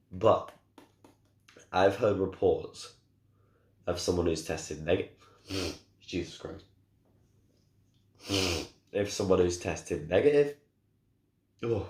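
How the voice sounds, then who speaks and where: A young man with a hoarse, cracking, very deep voice, talking casually and rambling in a vlog about being ill. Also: darkish tone, echoey room. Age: young adult. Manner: rambling, restarts often, apologetic. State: hoarse, sore throat. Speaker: gaming YouTuber.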